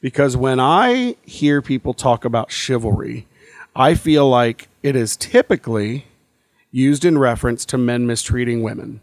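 A podcast co-host with an ordinary-pitched voice chats casually in a loose, rambling way, full of fillers and restarts as he works his thoughts out aloud. He sounds animated and unhurried, and the dry recording keeps his voice close with no room around it.

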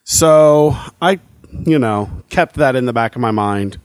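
A man's voice: mid-range voice, expressive, a little slow, clear, resonant tone, no echo. A man co-hosting a podcast, chatting casually and thinking aloud with many fillers and restarts. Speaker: podcast co-host. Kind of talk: casual chat.

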